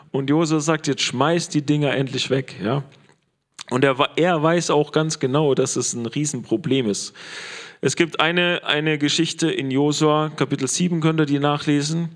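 Conversational German preacher, man. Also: fairly high pitch. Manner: casual, conversational, frequent "ja?" tag questions. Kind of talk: sermon.

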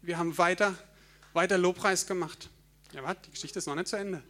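A young man giving a personal testimony in church, an expressive storyteller who laughs at himself and breaks into bits of hymn singing. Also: sits high, a little fast. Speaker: church speaker sharing a testimony.

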